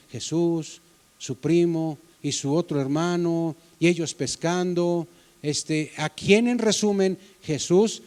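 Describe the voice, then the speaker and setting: A man's voice: on the high side, a little mellow. A man preaching a sermon in a church as the pastor, in a conversational way, often asking the congregation questions.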